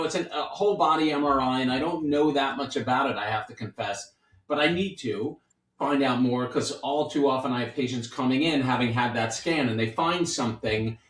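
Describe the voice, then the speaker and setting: A man's voice: mid-range voice, far from the mic. A man in his fifties from New York City, a doctor hosting a casual podcast, chatty and playful, rambling with restarts. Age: 50s. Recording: roomy sound, set back from the mic.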